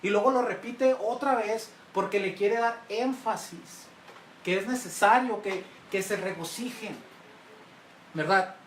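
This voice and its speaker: A man's voice: sits high, measured pace. Male pastor, engaging sermon delivery, often asking his listeners questions, a bit far from the mic in an echoey room. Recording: roomy, mic at a distance, faint hiss.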